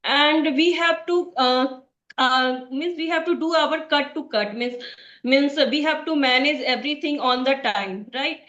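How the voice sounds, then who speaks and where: A woman's voice: sits high, measured pace, fairly bright tone. A woman from Bihar with an Indian accent, practicing English in a casual conversation and speaking hesitantly with many fillers and restarts. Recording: echoey, dull lo-fi sound.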